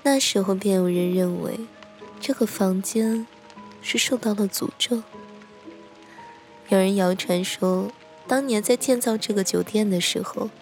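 A woman playing a gentle, teasing young hotel attendant who tells a slow, hushed ghost story to a horror writer in an audio drama, with soft music behind her. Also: mid-range voice, lightly acted. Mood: eerie. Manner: gentle, teasing, slows and hushes for eerie moments.

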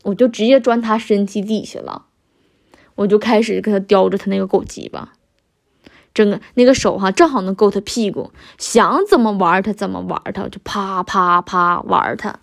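A woman's voice: medium pitch, normal speed, creaky. A woman with a Northeastern Mandarin accent telling an explicit personal story in a crude, heavily profane, boastful manner. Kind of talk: explicit confessional monologue.

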